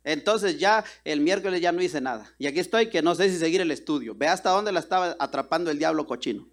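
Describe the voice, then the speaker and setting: A man from Guatemala, preaching a sermon and telling stories, acting out the dialogue in different voices. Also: sits high. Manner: animated, acts out dialogue with voices. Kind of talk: sermon with storytelling.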